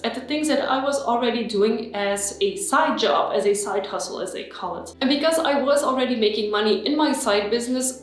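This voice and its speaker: In a very echoey room with faint music in the background, a woman vlogs to the camera about personal matters. She is a YouTuber from Belgium, a native Dutch speaker, with a fairly high voice.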